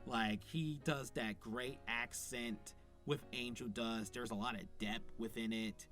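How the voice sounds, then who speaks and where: A man's voice: medium pitch, fairly even intonation, a little slow, a bit bright, faint music behind. A man who voices characters himself, giving enthusiastic, rambling unscripted commentary with plenty of fillers. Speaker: voice actor reviewing a show.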